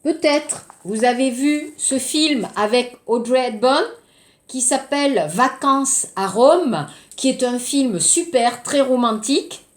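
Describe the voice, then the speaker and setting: A woman teaching French in a recorded lesson, going slowly and explaining word by word. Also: high voice, lively intonation, reverberant.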